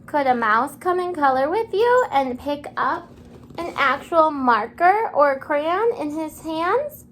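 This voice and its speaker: A kindergarten teacher with a high voice reads aloud to young children in an interactive lesson, with slight background noise. She's expressive and encouraging, uses simple child-directed phrasing, and asks questions, pausing as if the children are answering.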